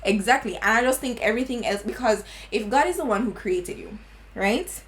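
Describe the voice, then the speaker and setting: A woman's voice: on the high side, animated, brisk, low-quality recording. A woman in her twenties with a Jamaican accent, chatting earnestly and slipping into patois. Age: 20s. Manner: earnest, laughing, slips into patois. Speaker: beauty vlogger. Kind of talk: casual chat.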